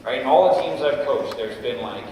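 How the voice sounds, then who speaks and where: A man's voice: mid-range voice, lively intonation, normal speed. A middle-aged man giving a conversational talk to parents in a school auditorium, telling stories and checking in with "right?". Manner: storytelling, often checks in with "right?". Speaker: guest speaker at a parents' session. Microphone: distant room mic. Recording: echoey hall from far off, noisy.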